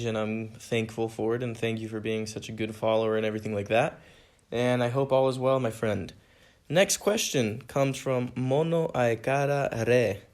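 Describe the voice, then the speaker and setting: A young man from America hosting a solo podcast, answering fan questions in an earnest, rambling way that repeats itself. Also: medium pitch. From United States. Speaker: podcast host.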